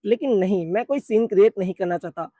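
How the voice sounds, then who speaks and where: A man narrates a comic story as a steady, plain recap. His voice sits high for a man, and the recording is dry and close, with no room sound. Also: fast, no room sound.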